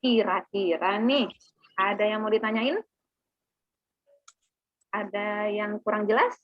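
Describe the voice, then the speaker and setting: Speaking slowly in a medium pitch, a woman teaches an online class and gives a briefing on plans, checking often that her students understand. The audio is dry but narrow, like a phone-style online call.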